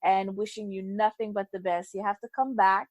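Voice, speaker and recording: A woman's voice: mid-range voice, fairly even intonation, moderate pace, lo-fi sound. A woman hosting a podcast, chatting casually and encouraging her guest with short remarks. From Jamaica. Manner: supportive, brief interjections. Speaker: podcast host. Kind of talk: casual chat.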